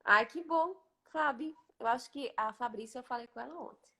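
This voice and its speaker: A woman's voice: high voice, moderate pace, pushed and bright. A Brazilian woman hosting a casual live chat, talking emphatically and eagerly repeating her agreement. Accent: Brazilian Portuguese. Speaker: host.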